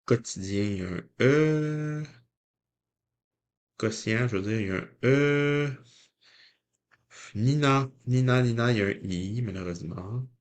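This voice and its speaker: A man's voice: mid-range voice, expressive, measured pace, pauses often. A man with a Québécois French accent, chatting casually to viewers as he scratches lottery tickets and reads the letters out one by one.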